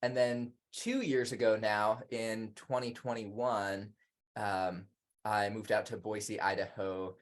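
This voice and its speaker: A man's voice: on the low side, little pitch movement, takes it slowly. Chatty, self-deprecating man guest. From Indonesia. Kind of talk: casual conversation.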